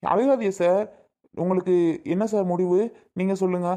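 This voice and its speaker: A man playing a calm, level police officer. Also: high voice, moderate pace, lightly acted. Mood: patient. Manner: steady, patient questioning. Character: calm male police officer questioning a family. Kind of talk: family drama skit.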